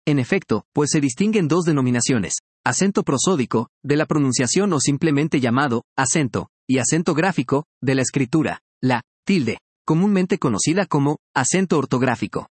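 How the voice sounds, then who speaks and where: A man reading a scripted language lesson in a measured, explanatory way, each word clearly pronounced. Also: a little high, animated, no room sound. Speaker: language teacher. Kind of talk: scripted educational narration.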